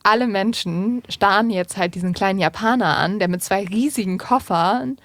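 A woman's voice: medium pitch, moderate pace, a bit bright, no room sound. Casual woman narrating true crime. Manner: casual storytelling with colloquial fillers. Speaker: podcast host.

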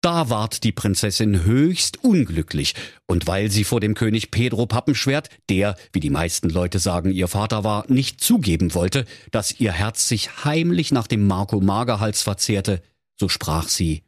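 A man's voice: fairly low pitch, very animated, measured pace, no echo, studio quality. A man narrating a comic fairy-tale parody in a mock-solemn storytelling manner.

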